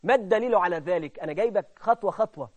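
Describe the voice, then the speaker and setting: A man with an Egyptian Arabic accent preaching a fervent sermon, dropping to hushed asides and rising to loud climaxes. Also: high-pitched, rapid-fire, no room sound.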